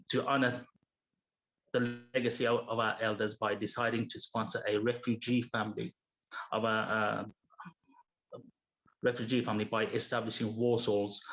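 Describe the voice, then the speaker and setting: A man speaking for his mosque community, giving a measured, read-out speech at a civic assembly. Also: on the low side, a bit bright, muffled recording. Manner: measured, read-out delivery with small restarts.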